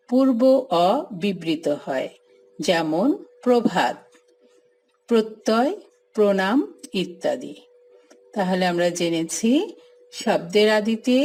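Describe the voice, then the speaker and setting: A woman's voice: mid-range voice, a little mellow, poor audio. A woman with a Bangladeshi Bengali accent teaching a grammar lesson, spelling words out letter by letter and repeating each point. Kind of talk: grammar lesson, slow explanation.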